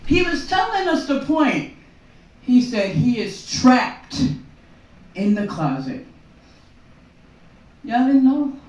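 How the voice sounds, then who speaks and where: A woman at an open mic, rambling through her set and forever asking the crowd if they follow. She takes her time, speaking slowly. Her voice reaches the mic from across a very echoey room. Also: high voice, very animated, a little mellow, far from the mic. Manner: rambling, keeps checking in with the crowd. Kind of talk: stand-up monologue.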